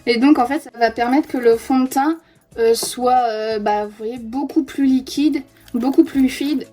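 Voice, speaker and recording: Working on a friend's makeup indoors, a young woman in her twenties runs a chatty tutorial, dropping a "hop" with every product she puts on. She's a beauty vlogger whose voice is a little high, a little slow and mellow.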